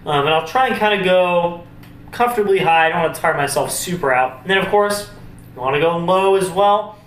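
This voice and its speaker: This man speaks with a high, slightly quick, somewhat bright voice while demonstrating brass warmups for the camera. His lesson is relaxed and explanatory, with him musing aloud as he goes. Captured on a distant mic in a reverberant room, there's a trace of background noise.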